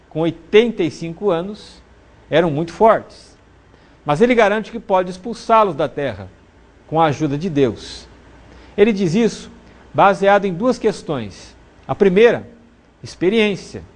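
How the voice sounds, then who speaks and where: Guy with a high voice preaching, steady and earnest, reading scripture then teaching.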